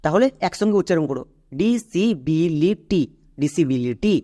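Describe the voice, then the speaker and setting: A man with a Bengali accent gives a classroom-style English lesson in a fairly high voice. He works through each point step by step and speaks directly to the learner, asking questions and then answering them himself. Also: lively intonation, a little fast, a little mellow. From Bangladesh or West Bengal. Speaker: English teacher.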